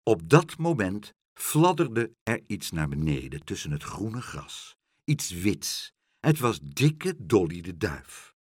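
A man narrating a children's storybook in an expressive, swinging storyteller manner. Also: lowish voice, slow, husky, dry recording, studio quality. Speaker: audiobook narrator.

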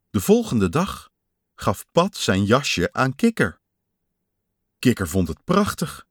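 A man reads a children's story aloud, slowly and expressively. His mid-range voice rises and falls a lot. The recording is dry and close, with no room sound. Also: medium pitch, no room sound.

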